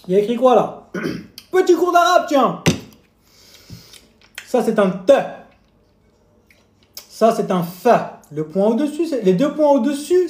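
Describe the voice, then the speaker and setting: A man's voice: high-pitched, darkish tone. Man, live-stream host, casual chat, teasing, talks while eating, echoey room. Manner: chatty, teasing, mock-lessons, talks with mouth full. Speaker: fitness coach streaming live.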